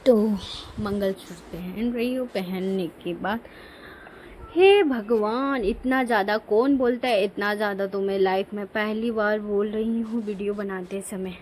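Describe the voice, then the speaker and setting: Audio quality is poor and slightly noisy as a young woman chats through her get-ready-with-me routine in her home bedroom. Her mid-range voice keeps fairly even intonation at a moderate pace, and her talk rambles homely, with frequent mid-sentence corrections, as a child cries and shouts in the background.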